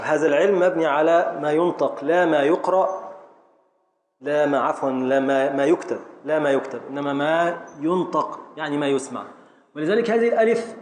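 A man with an Egyptian accent teaching a classroom lesson on Arabic poetic meter, explaining slowly and repeating syllables as he calls on students. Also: fairly high pitch. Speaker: teacher of Arabic grammar and prosody. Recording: echoey classroom with faint noise.

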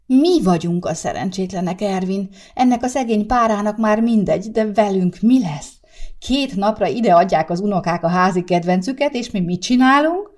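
A fretful grandmother nags her husband in a higher, louder voice, as a woman narrator puts her on. The scolding comes in rising exclamations and comes back again and again. It is an audiobook telling, with a fairly low voice under the character. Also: gravelly. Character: fussy worried grandmother, older woman.

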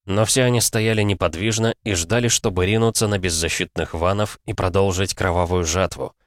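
Brief: male audiobook narrator, deep, measured dramatic delivery, dead studio sound. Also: steady tone, no echo.

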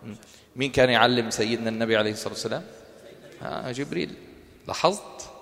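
A man with a Levantine accent leads an interactive religious lesson in everyday speech. He often throws questions to his listeners and answers them himself. His mid-pitched voice rings with long reverb from a lecture hall. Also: fast talker, gravelly, fairly bright tone. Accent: Levantine Arabic. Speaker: Quran course teacher.

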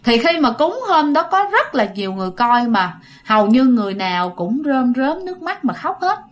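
A woman with a Southern Vietnamese accent tells a ghost story in a casual, chatty way. Her voice sits high, and she keeps turning to speak directly to her listeners. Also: big pitch swings, moderate pace.

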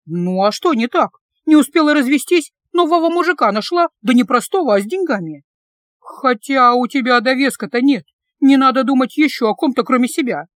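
A sharp-tongued young coworker, put on by a woman reading the story, sneering and loud. Her voice jumps high and the dry recording keeps it close. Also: animated, brisk, hardly any pauses, no echo. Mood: resentful. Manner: snapping, sarcastic, loud.

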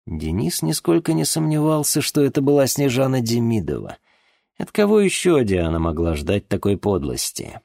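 A man's voice: medium pitch, very animated, normal speed, creaky, a little mellow, no echo, studio quality. A man narrating an audiobook expressively. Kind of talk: scripted narration.

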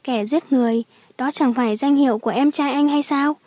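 A woman's voice: high voice, a little fast, mellow, no room sound, lightly acted. A woman voicing a cold, vengeful young woman who sneers and screams back in an audiobook drama. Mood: sneering. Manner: sneering, shrieking.

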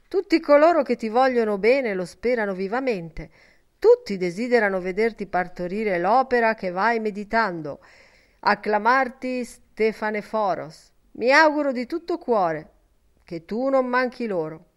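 A woman's voice: fairly high pitch, lively intonation, measured pace. A woman reading an earnest young man in an audiobook, speaking fervently and in a confiding tone.

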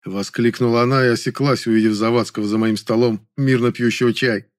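A man's voice: medium pitch, fairly even intonation, brisk. A man reading a novel aloud in the first person, with a wry, dry delivery. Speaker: audiobook narrator.

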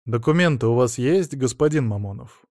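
A man voicing a calm, ironic police detective, polite and dry in an audiobook. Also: medium pitch, normal speed, dry recording, lightly acted. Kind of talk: audiobook character voice.

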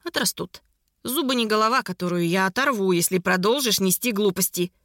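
A woman voicing a calm, ironic male emissary who mocks his rivals in a mentoring tone. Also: medium pitch, a little fast, dry recording, studio quality, close to an everyday voice. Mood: mocking. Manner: mocking, mentoring tone. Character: ironic, cool-headed male emissary of darkness.

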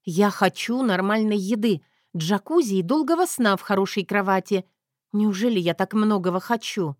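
A woman reading a first-person audiobook in a steady, wry storytelling manner. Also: medium pitch, moderate pace, no room sound, clean studio sound. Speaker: audiobook narrator.

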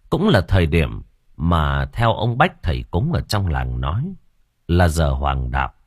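A man narrating an audiobook, telling the story in an expressive, animated way. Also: low-pitched, slightly rough, no echo, studio quality.

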